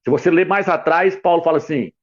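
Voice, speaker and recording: A man's voice: a little high, fast talker. A middle-aged man, teaching the Bible emphatically as a preacher, repeating his points and speaking straight to the viewer. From Brazil. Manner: repetitive, insistent, addresses viewer directly; writes letters out while explaining. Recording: dull lo-fi recording.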